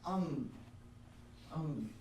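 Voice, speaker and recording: A woman's voice: low-pitched, expressive, extremely slow, warm tone, a little hiss or hum, full character voice. A woman playing an eager, naive would-be beatnik in a campy B-movie parody, hesitant and earnest. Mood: nervous, earnest. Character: eager, naive, square lab partner aspiring to be a beatnik. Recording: echoey, distant, music behind.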